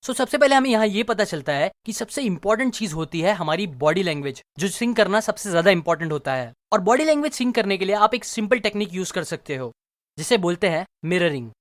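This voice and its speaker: A man's voice: high-pitched, very animated, quick pace, dry recording. Man explaining in a dry, close voice. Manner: clear, instructive, addresses viewer directly. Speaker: book summary narrator. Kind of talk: scripted explainer narration.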